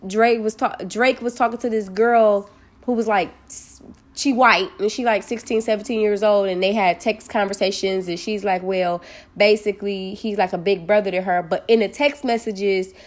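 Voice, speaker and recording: A young woman talking in a blunt, animated and profane way, in casual chat as a podcast co-host. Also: medium pitch, moderate pace.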